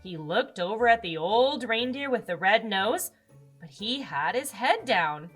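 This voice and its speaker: A woman's voice: fairly high pitch, very animated, a little slow, fairly bright tone, soft background music. A woman with an American accent, hosting a children's read-aloud and telling a picture-book story expressively to young listeners. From Arizona, United States.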